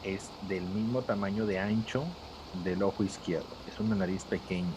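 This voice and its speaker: A man's voice: low voice, level tone, moderate pace, noisy background. A man teaching a live drawing class, patient and step by step, calling on students by name.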